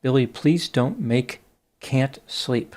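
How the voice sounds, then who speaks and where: A man reading out the messages of a smitten, lonely older man, slowly and plainly. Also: medium pitch, a little mellow, pitched above the performer's own voice, lightly acted. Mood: pleading.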